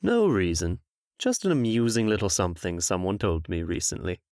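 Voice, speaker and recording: A man playing a suave, vain, scheming fairy-tale prince in a comic dub, smooth-talking, theatrical and falsely humble. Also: low voice, very animated, moderate pace, a little mellow, dry recording, studio quality. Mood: soothing, sly.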